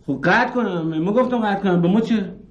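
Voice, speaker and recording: A man's voice: sits high, muffled recording. A young man acting a stubborn student roommate in a TV comedy drama, grumbling and muttering to himself. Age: young adult.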